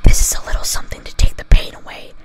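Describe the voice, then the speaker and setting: A woman's voice: fast, close to an everyday voice. A woman acts out a sadistic female pony from cartoon fan fiction. She whispers in ASMR style, chiding her victim with a casual, cheerful menace. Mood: brisk menace.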